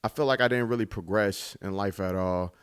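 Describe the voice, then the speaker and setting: Talking a little fast in a smooth, lowish voice, a man in his twenties runs his own podcast alone. He's laid-back and reflective, dropping casual swear words as he goes.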